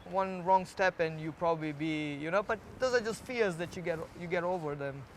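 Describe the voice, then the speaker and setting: A man's voice: fairly high pitch, fairly quick, a little hiss or hum. A man talking casually and reflectively as a street artist in a documentary, often repeating words for emphasis. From Kenya. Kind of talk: casual documentary interview and walk-along talk.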